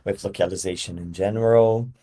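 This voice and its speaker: Man, fairly low voice, thoughtful, pauses to find words, casual interview. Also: steady tone, mellow. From Brazil. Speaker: podcast guest.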